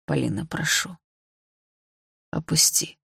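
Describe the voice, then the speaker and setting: Woman narrator playing a young man: low, hushed, pleading, gravelly texture. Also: level tone, normal speed, no echo, clean studio sound, exaggerated voice. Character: young man, guarded, desperate, tender lover.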